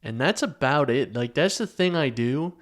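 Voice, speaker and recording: Young male podcast co-host, mid-pitched, loose and rambling, casual profanity. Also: expressive, normal speed. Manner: rambling, swears casually, restarts sentences. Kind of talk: casual chat.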